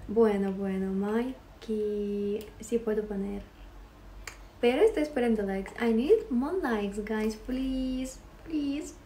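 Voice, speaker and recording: A woman's voice: mid-range voice, takes it slowly, mellow, reverberant, far from the mic, a little hiss or hum. A woman from Ukraine hosting a casual livestream, greeting and thanking viewers, giggling often as she switches between languages. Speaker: live-stream host.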